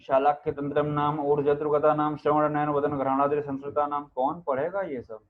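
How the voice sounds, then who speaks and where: Man, Ayurveda lecturer, flat delivery, thin phone-like sound, recites Sanskrit verses, quizzes the class. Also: a little high, brisk. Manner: chants Sanskrit verses, quizzes students with rhetorical questions.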